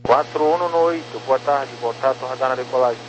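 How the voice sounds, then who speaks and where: A man's voice: medium pitch, a little fast. A man working as an approach controller, giving clipped procedural instructions over a two-way radio, in the manner of police radio. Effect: two-way radio transmission. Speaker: air traffic approach controller. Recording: noisy crackly aviation radio channel.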